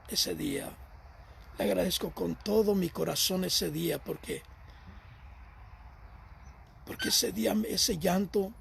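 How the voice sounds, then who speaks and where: A man's voice: sits high, gravelly, slight background noise. A man preaching a sermon as a lay missionary, telling a personal testimony and repeating phrases for emphasis.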